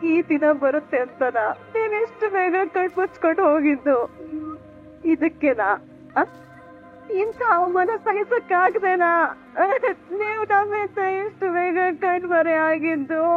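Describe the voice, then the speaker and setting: A shamed mother pours out her grief in long, anguished laments. Her voice sits very high. The TV serial audio is thin and tinny, with music underneath. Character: grieving middle-aged mother, proud and shamed. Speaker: mother of a son accused of theft. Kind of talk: TV serial acting.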